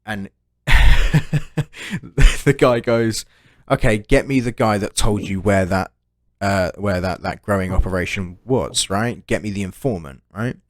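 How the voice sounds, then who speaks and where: A man talks in a low voice, recorded close and dry with almost no room sound. He rambles through long stories, tacking "right?" onto his sentences and swearing casually. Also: unhurried, no room sound. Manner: swears freely. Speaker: podcast co-host. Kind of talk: casual chat.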